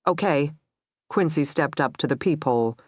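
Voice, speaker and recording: A woman narrating a dark crime thriller audiobook, tense and steady, voicing every character herself. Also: deep voice, a little slow, no room sound, studio quality.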